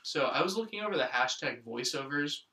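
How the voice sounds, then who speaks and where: A man's voice: mid-range voice, lively intonation, brisk, bright, forceful tone, reverberant, far from the mic. A man hosting a casual comedic podcast chat, crude and swearing freely. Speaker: podcast host.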